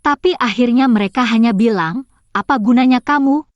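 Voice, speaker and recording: A woman's voice: fairly high pitch, moderate pace, no echo, muffled recording, natural voice. A young actress dubbing a hurt village woman in a short drama, emotional and tearful as she pleads. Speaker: lead actress.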